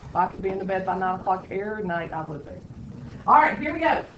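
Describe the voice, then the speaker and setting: A woman's voice: medium pitch, sing-song, fast, fairly bright tone, slight background noise. A woman math teacher, lecturing a classroom with playful, sarcastic teasing of her students. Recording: echoey classroom, distant lo-fi mic.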